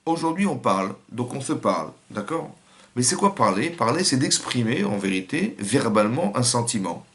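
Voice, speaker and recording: A man's voice: mid-range voice, very animated, moderate pace, a bit bright. A man with a French accent giving a religious lesson as a rabbi, acting out little scenes and quotes in changing voices.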